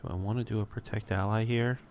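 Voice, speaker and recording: A man's voice: on the low side, fairly even intonation, quick pace, a little mellow, slight background noise. A man casually commenting on a strategy game as he plays, thinking aloud with wry asides. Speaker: let's play host.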